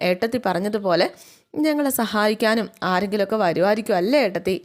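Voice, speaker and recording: A woman's voice: mid-range voice, fast, close to an everyday voice. A woman voicing a worried young wife who pleads anxiously.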